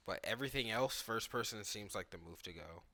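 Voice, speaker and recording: Speaking on the low side with a sharp tone and fairly quick delivery, a man offers loose, spontaneous commentary on a video game. He's a gaming creator reacting to cutscenes and play, musing aloud informally and leaning heavily on "like."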